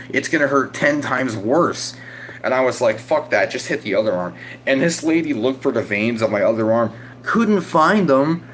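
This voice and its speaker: A young man telling a long, profane story in casual vlog style, with lots of restarts, and loudly acting out his own screams. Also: on the low side, slight background noise. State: recovering from illness. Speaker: vlogger.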